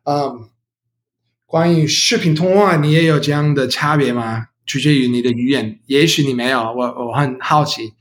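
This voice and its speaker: A man's voice: medium pitch, normal speed. A native English-speaking man chatting casually in Mandarin as a foreign learner, with a foreign accent and non-native phrasing. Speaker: podcast participant, Mandarin learner. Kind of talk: casual conversational talk.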